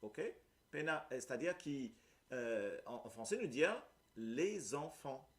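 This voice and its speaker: A man's voice: mid-range voice, animated, a little slow. A man with a Mauritian accent teaching a Creole lesson, explaining patiently and often checking that his listeners follow. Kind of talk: live language lesson.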